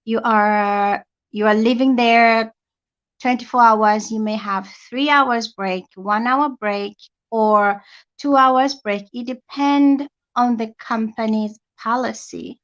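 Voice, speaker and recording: A woman's voice: fairly high pitch, steady tone, slow pace. Woman from Tanzania on dull remote audio. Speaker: guest, healthcare assistant. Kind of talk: casual interview.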